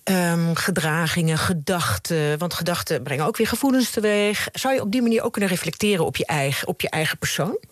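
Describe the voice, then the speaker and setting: Man, Dutch accent, high voice, radio host, curious questions, dry studio sound. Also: brisk, few pauses, fairly bright tone, no echo. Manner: curious, short questions and prompts. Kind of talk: radio interview.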